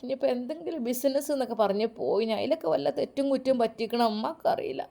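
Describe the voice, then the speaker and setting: A woman's voice: quick pace, gravelly. A woman voicing an elderly, grieving mother who pleads through tears. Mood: tearful pleading. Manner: sobbing, softer and lower than the narration. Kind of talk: storytelling with acted dialogue.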